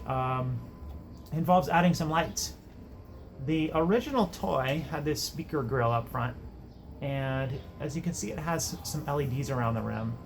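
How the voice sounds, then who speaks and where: An electronics hobbyist hosts a laid-back workbench build video, rambling and poking fun at himself. His voice is medium-pitched, with background noise behind it.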